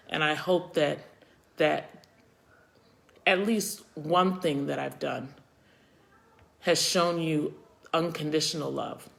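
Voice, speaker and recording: A woman's voice: low-pitched, gravelly, fairly bright tone. A middle-aged woman hosting a casual live-stream chat, speaking her mind and reacting to viewers, becoming emotional and choked up. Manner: opinionated, reacting to viewer comments. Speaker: host of a live chat show.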